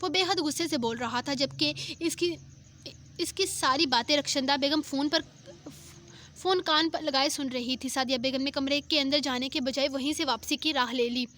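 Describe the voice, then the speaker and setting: A woman narrating a romance novel in a steady reading voice, with small restarts. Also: sits high, normal speed. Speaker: novel reader.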